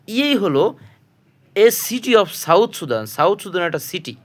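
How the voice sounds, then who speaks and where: Bangla english tutor guy, slightly high voice, asks then answers himself over and over. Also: a bit bright. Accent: Bangladeshi Bengali. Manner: patient, repetitive, poses questions then answers them. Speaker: English teacher. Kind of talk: spoken English pronunciation lesson.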